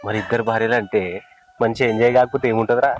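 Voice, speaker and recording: A man's voice: mid-range voice, flat delivery, very fast, faint music behind. A man playing a teasing friend in a village comedy. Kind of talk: scripted village comedy acting.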